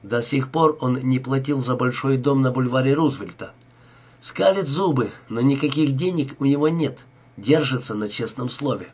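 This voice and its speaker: A scheming male gangster with a sarcastic, sneering edge, delivered in a husky, breathy voice, as a man reads him out. He talks down to his partner with cold irony, the audiobook voice pitched at an ordinary middle height. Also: moderate pace, natural voice. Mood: scornful. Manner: sneering, ironic.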